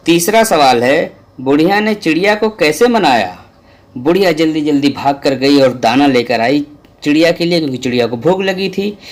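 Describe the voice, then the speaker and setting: Slow, patient male Urdu teacher. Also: mid-range voice. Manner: slow, measured recitation and patient explanation. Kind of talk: reading a poem and explaining textbook exercises.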